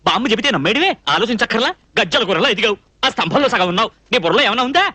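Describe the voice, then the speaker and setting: An actor dubbing a naive, fussy young male cook in a film comedy, scolding and quick-tempered. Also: high-pitched, animated, pushed and bright, husky, exaggerated voice. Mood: indignant. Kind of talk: dubbed film comedy acting.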